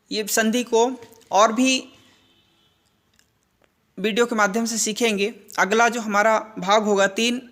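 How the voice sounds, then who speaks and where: A man's voice: sits high, bright, forceful tone. A man teaching grammar in a video lesson, who asks a question and then answers it himself. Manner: repeats questions and answers them, frequent "ठीक है". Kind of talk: slow classroom-style explanation.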